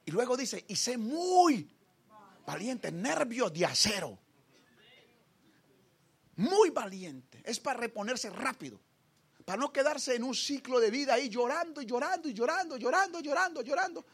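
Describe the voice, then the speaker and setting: A man preaching a sermon with passion, repeating phrases for emphasis and swinging from quiet talk to shouting. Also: very high voice, animated, moderate pace, husky.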